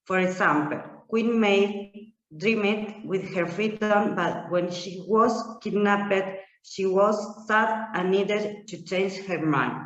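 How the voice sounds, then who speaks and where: A woman in her thirties from Argentina, a language student giving a classroom presentation. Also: medium pitch. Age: 30s. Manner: reading aloud slowly and carefully. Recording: echoey muffled room.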